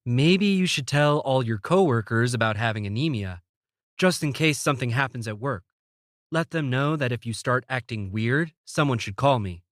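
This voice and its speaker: A man voicing a worried, blunt middle-aged mother who smokes, raised a little above his own pitch, for an audiobook. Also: expressive, normal speed, fairly bright tone, no room sound, studio quality, close to an everyday voice. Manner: fussing, blunt.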